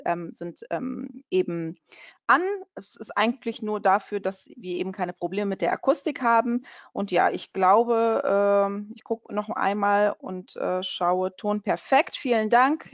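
A woman's voice: medium pitch, no room sound, muffled recording. Woman hosting a chatty webinar. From Portugal. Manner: friendly, chatty, many fillers and restarts. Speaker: webinar host. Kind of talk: casual webinar presentation.

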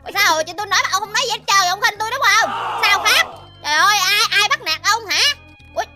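A young woman in a Minecraft video, exclaiming loudly in mock outrage. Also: extremely high pitch, fast talker, soft background music. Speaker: gaming YouTuber co-host. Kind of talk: playful Minecraft commentary.

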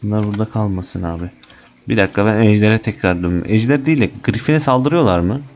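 Excitable gaming host. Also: male voice, fairly low pitch, fast talker, muffled recording, a little hiss or hum. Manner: chatty, excitable, swears lightly at game creatures. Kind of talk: casual gameplay commentary.

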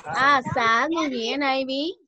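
A woman teaching English to young children over a video call, speaking slowly and clearly, repeating words and praising her pupils. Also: sits high, crowd noise. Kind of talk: bilingual online class for young children. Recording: dull video call audio.

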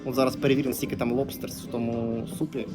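A man's voice: medium pitch, little pitch movement, quick pace, over music. A man narrating a casual travel vlog in a chatty, conversational way with fillers. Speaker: travel vlogger.

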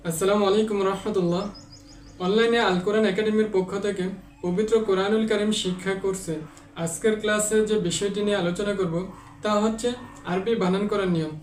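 A man's voice: high voice, steady tone, fast talker, distant mic. A man teaching Quran reading in a step-by-step lesson, patiently repeating each rule and drilling letter sounds one by one. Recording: echoey room, off-mic.

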